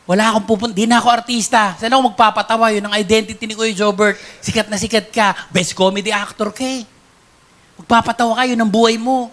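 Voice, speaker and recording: A man with a notably high-pitched voice tells his life testimony. He speaks earnestly and with emotion, in a loose, conversational storytelling style. He is middle-aged and a former comedian. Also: bright, forceful tone. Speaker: former comedy actor giving a faith testimony. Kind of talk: personal testimony.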